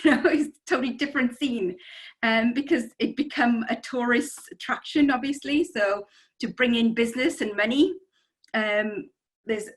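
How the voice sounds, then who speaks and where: A woman's voice: a little high, a little hiss or hum, poor audio. A middle-aged woman from Bangladesh, a city councillor, speaking on a video call panel in a rambling way full of ums and you-knows. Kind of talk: panel discussion.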